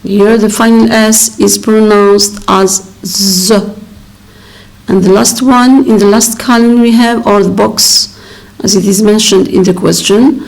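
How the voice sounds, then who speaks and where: A woman teaching an English exam revision lesson, explaining slowly and patiently step by step and repeating words. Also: on the high side, gravelly, a little mellow, low-quality recording.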